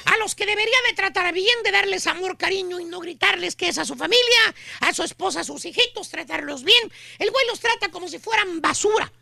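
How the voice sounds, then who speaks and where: Gravelly, slangy Mexican comic host. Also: male voice, very high voice, no room sound, faint music behind. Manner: slangy, animated, dramatic pauses. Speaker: radio show host. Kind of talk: comic storytelling.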